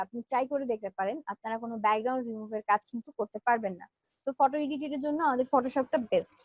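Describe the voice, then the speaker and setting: A woman's voice: high voice, dry recording. A woman teaching a live graphic design class, walking students through each step with brief fillers. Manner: explains step by step, fillers between steps. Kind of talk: live online class, screen demo. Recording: dull lo-fi sound.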